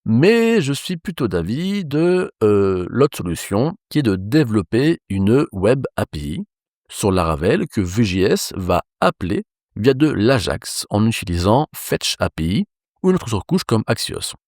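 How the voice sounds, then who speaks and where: Lively low-voiced French man teaching code. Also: measured pace, dry recording, studio quality. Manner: relaxed, reassuring explainer with verbal fillers. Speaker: programming instructor. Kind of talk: screencast coding lesson.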